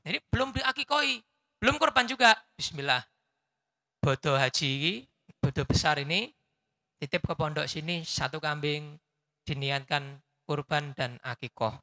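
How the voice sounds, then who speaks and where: Gravelly javanese preacher guy, super bright voice, big echoey hall. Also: a little high, moderate pace, pauses often. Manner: lively, teasing, mixes in local words. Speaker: habib preacher answering questions. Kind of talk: religious study lecture.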